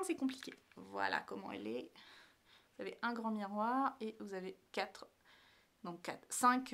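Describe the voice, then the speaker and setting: A woman's voice: mid-range voice, slight background noise. A woman, chatting casually as a beauty vlogger. Her talk rambles, with many fillers and self-corrections, and she often drops to a near-whisper. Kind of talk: casual chat showing her travel makeup bag.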